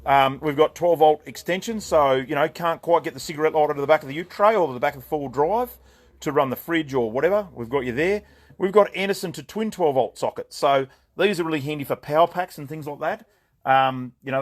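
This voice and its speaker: Speaking with a fairly high pitch and an Australian accent, a man hosts a relaxed live stream from his shop. He welcomes viewers by name and wanders through the new stock with fillers and jokes.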